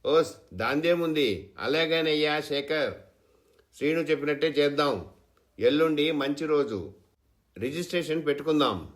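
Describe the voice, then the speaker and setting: A man's voice: a little high, expressive, normal speed, pauses often, voice pushed up, natural voice. A man voicing a domineering rich landlord who talks in a harsh, commanding way.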